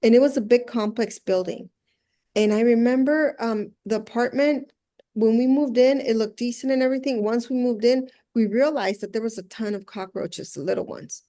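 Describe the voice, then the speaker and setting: A slightly high, mellow voice at a moderate pace belongs to a middle-aged woman relating her story earnestly in an interview. She flips luxury houses and grew up in the US after leaving El Salvador at six, speaking conversationally.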